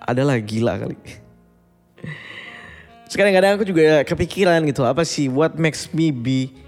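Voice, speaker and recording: A man's voice: a little high, normal speed. A man in his twenties hosting a casual bedtime podcast, talking in a reflective, confiding way and slipping in English phrases. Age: 20s. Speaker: podcast host. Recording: long reverb with faint background music.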